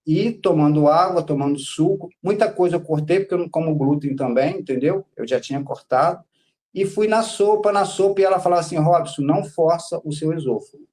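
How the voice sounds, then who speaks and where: A man's voice: fairly high pitch, a little mellow. A Brazilian man, a podcast guest, telling his story in a rambling, casual way, with lots of filler words. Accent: Brazilian Portuguese.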